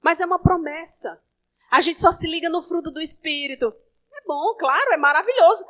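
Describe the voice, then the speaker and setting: Woman pastor, high voice, conversational sermon with soft asides and strong emphatic calls. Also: fairly quick, rough recording.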